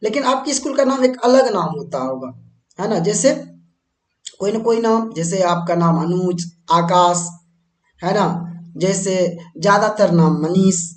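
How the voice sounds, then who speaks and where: A man's voice: sits high, a little slow, reverberant. A man teaching a chemistry lesson at a board, chatty, keeps asking his students questions and answering them himself. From India. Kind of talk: board-exam lesson at a whiteboard.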